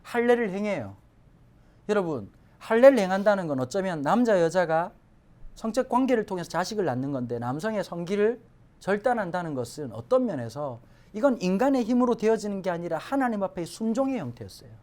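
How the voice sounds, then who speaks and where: A male pastor giving a Sunday sermon in a lively, conversational way with joking asides. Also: sits high, brisk.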